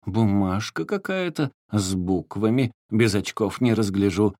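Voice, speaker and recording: A man's voice: on the low side, animated, unhurried, darkish tone, no echo, studio quality. A man voicing a fussy old nanny woman who chatters and complains.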